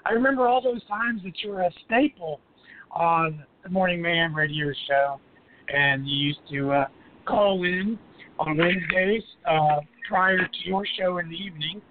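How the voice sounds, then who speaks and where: A man's voice: high voice, normal speed. A man chatting casually and enthusiastically as a radio guest, gushing as he talks. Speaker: guest, radio show host. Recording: noisy tinny phone line with clicks.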